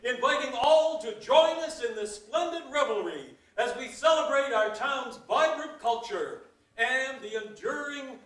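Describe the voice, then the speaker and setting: Male town crier. Very high, forceful voice, slow declamatory proclamation, roomy sound. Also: animated. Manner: loud, ceremonial, declamatory, theatrical old-fashioned delivery. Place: indoor council chamber. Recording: echoey hall, far from mic.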